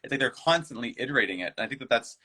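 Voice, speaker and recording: A man with a bright, ringing voice talks as a guest in a casual chat. He is reflective and playful, and now and then he slips into silly acted-out voices. His pitch sits in the middle. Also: lively intonation, rapid-fire, breathy edge. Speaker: guest and play designer. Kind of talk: casual conversation.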